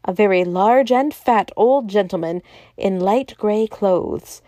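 A woman's voice: mid-range voice, takes it slowly, warm tone, dry recording, studio quality, close to an everyday voice. A woman voicing an anxious, breathless zoo keeper who speaks urgently. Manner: urgent, gasping.

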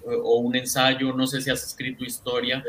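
A man with a medium-pitched voice moderates a literary discussion. He is discursive, circling back to restate his questions, with faint noise in the background. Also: monotone, moderate pace, a bit bright. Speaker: panel moderator.

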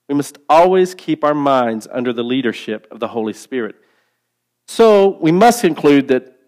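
A man hosting a teaching sermon podcast, speaking emphatically and putting rhetorical questions to the listener. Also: mid-range voice. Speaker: podcast host and Bible teacher.

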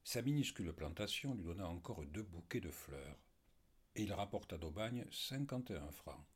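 Husky low-voiced male narrator. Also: animated, moderate pace. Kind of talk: audiobook narration.

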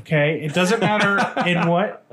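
A man guesting on a podcast, cracking dry jokes in a deadpan way during casual banter. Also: sits high, normal speed.

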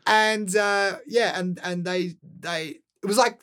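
A man's voice: high-pitched, slow. A man, a guest rapper telling stories in a casual, swearing, laughing way. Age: 20s. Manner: animated, swearing, laughing storyteller. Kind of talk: casual storytelling.

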